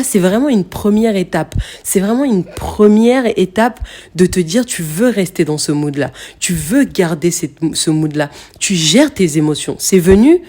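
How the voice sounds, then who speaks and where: Mellow-voiced woman podcast host. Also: mid-range voice, slightly rough. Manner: speaks directly to the listener, frequent fillers and repetitions. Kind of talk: casual motivational monologue.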